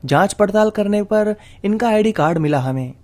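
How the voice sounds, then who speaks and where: Polite passer-by, male narrator voicing him, calm, explanatory, mellow tone. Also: high voice, moderate pace, voice pushed up.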